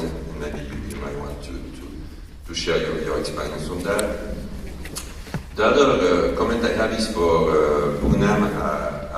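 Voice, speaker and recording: Man, panel moderator, very low voice, halting, distant mic with background noise. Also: heavy reverb, big-room sound. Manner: halting, many restarts. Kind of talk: academic panel discussion.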